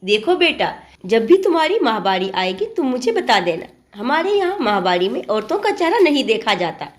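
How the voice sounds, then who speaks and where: A woman's voice: a little high, sing-song, normal speed. A woman voicing a strict, traditional middle-aged mother-in-law who lectures and scolds in a storybook tale. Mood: lecturing.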